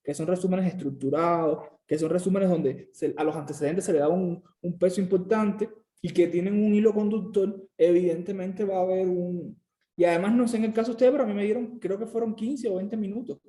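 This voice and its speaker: A man's voice: high-pitched, fairly even intonation, brisk, mellow. A man, a student presenter in a classroom discussion, speaking earnestly and often restarting his phrases.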